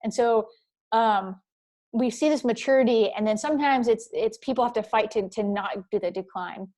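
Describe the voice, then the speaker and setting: A woman's voice: a little high, normal speed, darkish tone. A woman teaching a university class over a video call. She talks casually and rambles, with lots of fillers and playful asides. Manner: chatty, rambling, many fillers; playful, sings snatches. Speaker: university instructor. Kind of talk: casual online lecture. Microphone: computer mic on video call.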